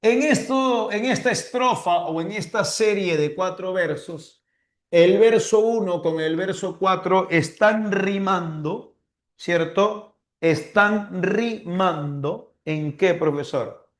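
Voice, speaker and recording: A man's voice: high-pitched, slow, echoey room. A man teaching literature in an online class, stretching out words as he dictates verses and playfully imitating confused students.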